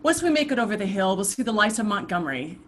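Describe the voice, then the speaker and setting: An actress plays the restless ghost of a murdered woman civil rights volunteer in a theatrical monologue over a video call. She speaks haltingly, with sighs and broken restarts. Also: medium pitch, sing-song, a bit bright, slight background noise. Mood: anxious. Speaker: stage actor performing a monologue. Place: indoors at home, performing over a video call. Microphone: video call computer mic.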